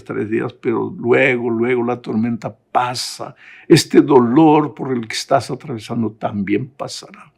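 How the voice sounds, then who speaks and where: A man's voice: medium pitch, gravelly, a little mellow, husky. A man giving a Bible lesson as a pastor, preaching with passion and rising to emphatic peaks. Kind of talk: sermon-style Bible lesson. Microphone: close mic, recorded for a lesson.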